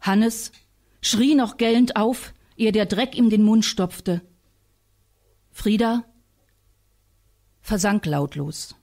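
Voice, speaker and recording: A woman reading literary prose aloud in a staged reading, telling it in a calm, measured way. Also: medium pitch. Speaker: reader.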